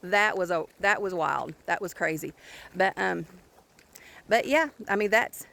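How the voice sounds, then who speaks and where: A woman's voice: fairly low pitch, measured pace, creaky, fairly bright tone. A woman who leads a ministry and writes books, telling viewers a story in an earnest, emphatic, casual way, restarting often. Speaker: ministry leader and author.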